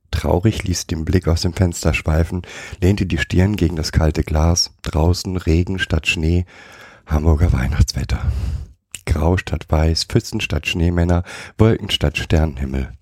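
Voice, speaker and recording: A man reading a story aloud for a podcast, in a calm, measured way. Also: rumbling low, breathy edge, no room sound, clean studio sound.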